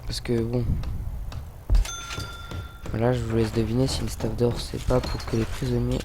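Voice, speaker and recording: A man's voice: medium pitch, monotone, moderate pace. A young man casually commentating a building game, hesitant and full of fillers, muttering to himself as he plays. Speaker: gaming video host. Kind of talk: casual let's-play commentary. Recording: home recording with clear background noise.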